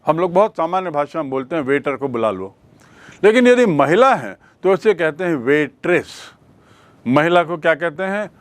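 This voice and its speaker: A man's voice: on the high side, big pitch swings, normal speed, dry recording. A man teaching an English grammar lesson, explaining in Hindi mixed with English, repeating his questions and spelling words out letter by letter.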